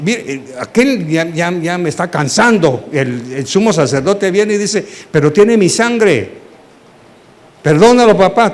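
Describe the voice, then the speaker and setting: A man, a pastor teaching a Bible study sermon, asking the congregation questions and acting out dialogue. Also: high-pitched. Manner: animated, asks the congregation questions, acts out dialogue.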